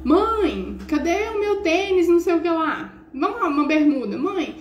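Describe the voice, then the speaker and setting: A woman's voice: extremely high pitch, big pitch swings, moderate pace, pitched above the performer's own voice. Woman playing a whiny young son, Brazilian accent, repeats "mãe", faint hiss behind. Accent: Brazilian Portuguese. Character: whiny young son hunting lost clothes. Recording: roomy echo, faint hiss.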